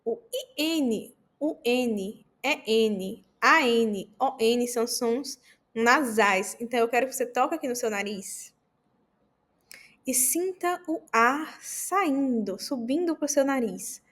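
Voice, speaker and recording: A woman leads an online French pronunciation lesson. Her voice sits a little high and she speaks slowly and deliberately. She drills each word clearly so students can repeat after her. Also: animated, fairly bright tone. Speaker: French teacher.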